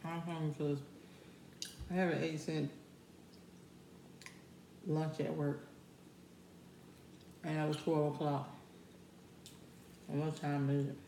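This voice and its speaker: A woman's voice: low-pitched, level tone, takes it slowly, gravelly, pauses often, dark tone. A woman, chatting casually in a food vlog while her mouth is full of crab. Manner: chatty, drawling, hums between bites. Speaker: mukbang vlogger. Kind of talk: casual chat while eating. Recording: echoey room with faint background hum.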